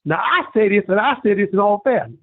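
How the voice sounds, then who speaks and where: A man's voice: high-pitched, quick pace, creaky. A man calling in from Birmingham, ranting in a preachy, repetitive way and telling stories. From Birmingham, Alabama. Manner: preachy, repetitive, animated storytelling. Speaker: caller. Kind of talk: call-in rant. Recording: tinny phone line.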